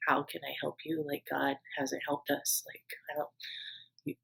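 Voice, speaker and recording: A woman's voice: deep voice, completely flat delivery, moderate pace, creaky, a bit bright, husky, exaggerated voice, low-quality recording. A woman doing a furious ancient king. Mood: angry. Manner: angry, exasperated.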